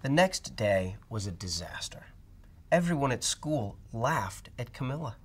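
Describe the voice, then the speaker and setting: A man reading a children's storybook aloud in an expressive, dramatic way. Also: medium pitch. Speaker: storybook reader. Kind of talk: children's read-aloud narration.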